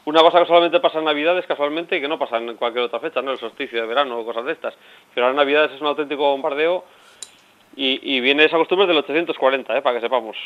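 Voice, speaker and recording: Fast-talking man explaining on local radio. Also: mid-range voice. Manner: explanatory, rambling with restarts. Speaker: radio guest. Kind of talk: radio interview. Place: radio studio. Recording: dull lo-fi radio audio.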